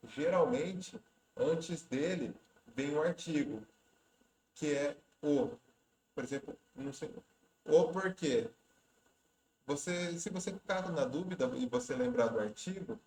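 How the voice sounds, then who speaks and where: A man's voice: on the high side, darkish tone. Man teaching in an echoey room. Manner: conversational, repeats and restarts words while explaining. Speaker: exam prep teacher. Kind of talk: casual explanatory lesson.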